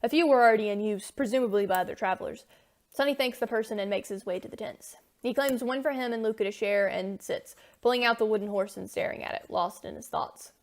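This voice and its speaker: A woman narrating a scripted story in a brisk storytelling style. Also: medium pitch.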